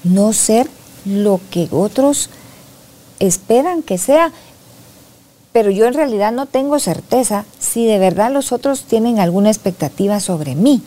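Woman, psychologist, soft-spoken, reflective, lively pitch. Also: a little slow. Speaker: psychologist guest. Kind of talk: casual podcast conversation.

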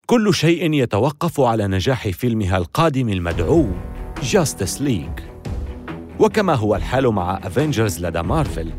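Male narrator, scripted documentary, mid-range voice, lively melodic swings, dramatic phrasing. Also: medium pitch.

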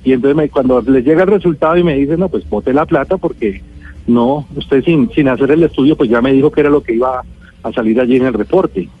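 On a radio interview heard over a narrow, phone-like line with music, a man with a Colombian Spanish accent explains things as an expert guest. He's emphatic and leans on everyday examples, speaking briskly in a husky mid-range voice.

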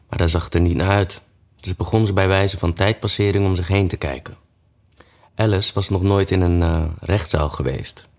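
A man narrating a storybook in a relaxed way, often pausing on "eh" fillers. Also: low-pitched. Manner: relaxed reading with frequent "eh" fillers. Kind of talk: storybook reading.

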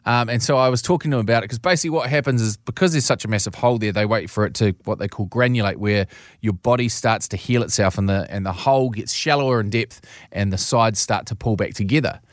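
A man's voice: lowish voice, quick pace, no echo, studio quality. A man with a broad New Zealand accent telling personal stories in casual, blokey, slangy chat as a show co-host.

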